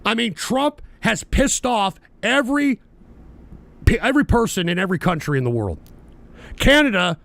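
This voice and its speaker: A man's voice: sits high, very animated, normal speed, creaky, a bit bright. A man hosting a political talk show, ranting angrily and sarcastically with heavy profanity. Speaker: political commentary host.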